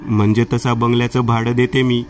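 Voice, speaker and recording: A man's voice: mid-range voice, level tone, moderate pace, slight background noise, natural voice. A man voicing a bold tamasha dancer who is secretly a vengeful female ghost, in a coaxing, earthy rural manner.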